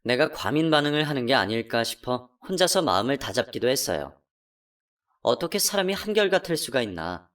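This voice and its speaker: A woman's voice: very animated, fairly quick, distant mic. A woman playing a betrayed, furious wife. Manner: emotional, accusing, pitch climbing when upset. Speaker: narrator and voice actor. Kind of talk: first-person radio drama narration.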